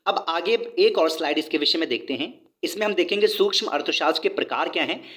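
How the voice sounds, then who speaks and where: A man's voice: fairly high pitch, expressive, quick pace, fairly bright tone. A man teaching a lesson on video, who reads from a book, explains in his own words, repeats points and asks rhetorical questions. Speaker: economics teacher.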